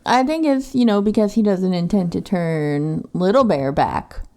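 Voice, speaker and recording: A woman's voice: lowish voice, expressive, a little slow, dark tone. A woman, recapping a book on a podcast in a casual, sarcastic, swearing way. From Texas. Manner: profane, sarcastic. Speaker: podcast co-host.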